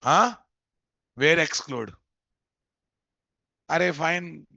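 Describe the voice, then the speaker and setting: A Telugu-accented male instructor leads an informal live coding lesson, familiar with his learners, repeating phrases and asking if they follow. His voice is on the high side, expressive, creaky, bright and forceful, with drawn-out words. The audio is dull with no room sound.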